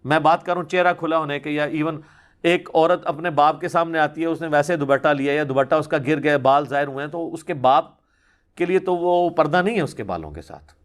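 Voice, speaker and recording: A man with a slightly higher-than-usual voice answers religious questions from a questioner. He explains in an easy, conversational manner, patiently building his points through examples. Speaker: Islamic scholar answering questions.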